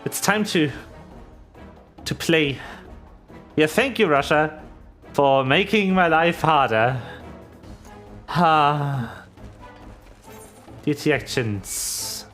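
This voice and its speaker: A woman streaming a video game from home, chatting casually with relaxed, wry asides to herself. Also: deep voice, very slow, long pauses, soft background music. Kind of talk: casual livestream gameplay chat.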